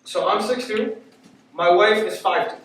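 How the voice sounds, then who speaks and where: Male stand-up comic, lively storyteller, fairly high voice, heard from off mic in a room with strong echo and faint noise. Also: measured pace. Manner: animated, swears casually, quotes people in voices. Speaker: stand-up comedian. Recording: echoey room, mic from a distance.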